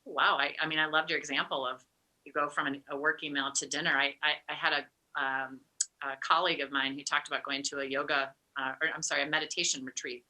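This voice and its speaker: Female coach guest, very low pitch, sharp and bright timbre, thoughtful and hesitant. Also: flat delivery, fast, rough recording. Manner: thoughtful, hesitant, many fillers and restarts. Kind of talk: casual interview chat.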